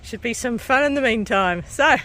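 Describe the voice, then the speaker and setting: A New Zealand woman in her forties chats casually for her vlog as she hikes a coastal trail, laughing often and breathy from climbing stairs. Her voice sits on the high side and sounds animated and a bit bright, at a normal speed.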